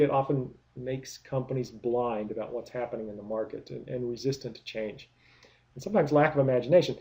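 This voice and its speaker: A man's voice: medium pitch, dark tone, dull audio. A man giving a recorded business lecture, explaining step by step with many rhetorical questions and frequent restarts. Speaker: product management lecturer.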